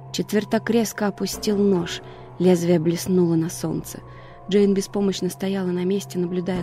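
Flat, dark-voiced audiobook narrator. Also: mid-range voice. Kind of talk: scripted narration.

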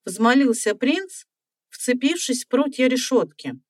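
A woman's voice: sits high, expressive, unhurried, a little mellow, no room sound, studio quality. A woman narrator reading a scripted fairy tale.

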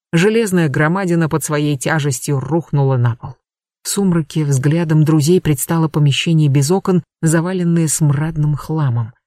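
An audiobook narrator reading a thriller with steady, dramatic scripted narration. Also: mid-range voice, no room sound, clean studio sound.

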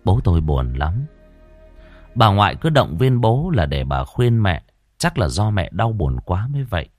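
A man narrating an audiobook story in an expressive, dramatic manner. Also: low voice, unhurried, dry recording, clean studio sound, soft background music.

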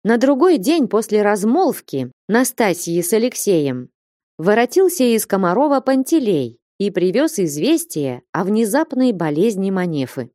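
Audiobook narrator, female, measured storytelling, dark soft tone, dead-dry booth. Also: medium pitch, very animated, no room sound. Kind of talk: scripted narration of classic prose.

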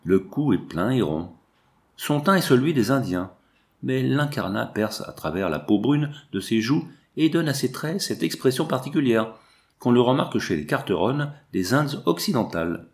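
A man reading a novel aloud in a measured, descriptive narration. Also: mid-range voice, sing-song. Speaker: audiobook narrator.

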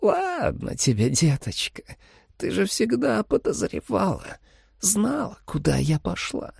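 Audiobook villainess: a cruel vampire mother, slow, sugary and threatening, put on by a man. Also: high voice, wildly swooping pitch, gravelly, darkish tone, slightly rough, dry recording, studio quality, pitched above the performer's own voice, full character voice. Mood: crooning menace. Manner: slow, crooning, menacing.

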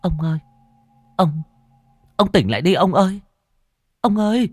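A man putting on the high voice of a fretful older wife in a spoken ghost story. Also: expressive, a little slow, darkish tone, no room sound. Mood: pleading. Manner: high-pitched, pleading then chiding.

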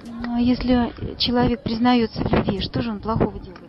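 A woman radio correspondent asking passers-by brisk, direct questions in a street interview. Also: on the high side, fairly even intonation, very noisy. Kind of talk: street vox-pop interview. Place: city street outdoors. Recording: lo-fi street recording with crowd.

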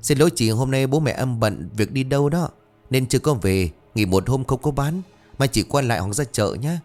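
A man's voice: mid-range voice, normal speed, darkish tone, faint music behind, voice pushed up, lightly acted. A man voicing a polite, apologetic young village girl in a ghost story.

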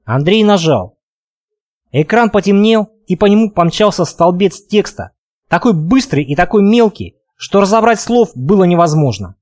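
A man narrating an audiobook in an expressive storytelling manner. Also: high-pitched, moderate pace, dry recording, clean studio sound. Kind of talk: scripted narration.

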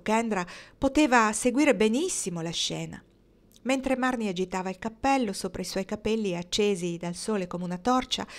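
A woman reading a novel aloud in a measured, expressive storytelling manner. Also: medium pitch. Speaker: audiobook reader.

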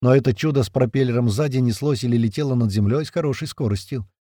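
A man's voice: mid-range voice, fast, warm tone, no room sound. A man narrating a first-person audiobook in a conversational tone with casual swearing, close to the mic.

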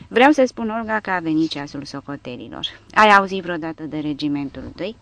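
Cold menacing legionnaire guy read by a woman, low gravelly voice, dry recording. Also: animated, a bit bright, dry recording. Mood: coldly menacing. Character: cold, vengeful male foreign legionnaire. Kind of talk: audiobook character reading.

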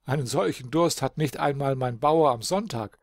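A man voicing a cheerful, fearless young boy goatherd in a fairy-tale audiobook, with a lively, good-natured manner. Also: mid-range voice, moderate pace, dry recording, studio quality, natural voice.

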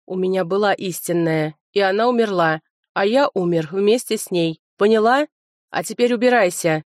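A woman reading a hot-tempered, domineering male dragon lord who growls out loud commands. The storybook voice is dry and close. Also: medium pitch, moderate pace, no echo, lightly acted. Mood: furious.

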